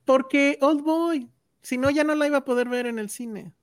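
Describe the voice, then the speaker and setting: A woman co-hosting a casual film podcast, chatting in lively banter. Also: fairly high pitch, fast talker, no echo. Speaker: podcast co-host.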